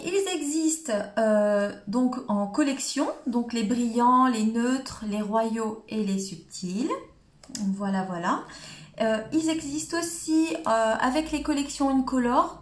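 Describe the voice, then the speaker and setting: A woman with a northern French accent hosting a live crafting demo from her phone, nervous and hesitant, with many fillers. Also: a little high. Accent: northern French, Cambrésis. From northern France. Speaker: crafting livestream host. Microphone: phone held in hand. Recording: echoey room, faint noise.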